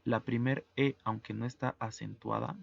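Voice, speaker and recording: A man teaching French to Spanish speakers, explaining pronunciation slowly and methodically, letter by letter. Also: mid-range voice, steady tone, gravelly, no echo, lo-fi sound. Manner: slow, methodical, spells out sounds letter by letter. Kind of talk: online language lesson.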